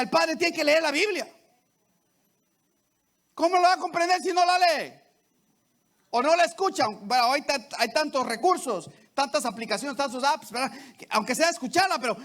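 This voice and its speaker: A man with a very high-pitched voice preaching a sermon. He speaks in a conversational way, with frequent restarts, and keeps checking in with the congregation through short tag questions. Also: a bit bright. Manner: repeats "¿verdad?" and "¿sí?" to the congregation, with many restarts.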